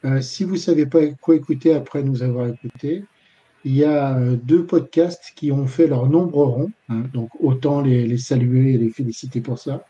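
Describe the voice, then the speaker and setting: A man's voice: mid-range voice, normal speed, dark tone, breathy edge, lo-fi sound. A man co-hosting a casual football talk show, rambling with fillers and dry jokes. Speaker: football podcast co-host.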